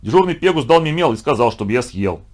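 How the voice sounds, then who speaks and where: A man's voice: medium pitch, animated, fast, darkish tone, natural voice. A man voicing a meek, odd schoolboy with a whiny, apologetic way of talking, in a storybook reading. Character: meek, odd schoolboy who eats chalk.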